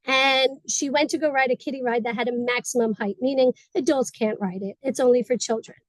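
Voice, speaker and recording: Fast-talking high-voiced woman panelist. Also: fairly even intonation, dry recording, rough recording. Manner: chatty, fast-paced explaining. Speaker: amusement pier staff trainer, panelist. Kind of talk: webinar panel talk. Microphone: video call mic.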